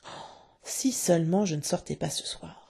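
A woman reading a storybook aloud, voicing a gentle, anxious young mother who speaks softly and tenderly. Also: on the low side, sing-song, moderate pace, breathy edge, full character voice.

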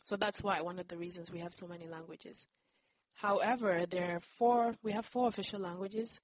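A Nigerian woman whose first language is Yoruba answers interview questions in a conversational setting, speaking in a lowish, steady voice at a moderate pace. She explains carefully and often hedges with "I believe," and there's no echo.

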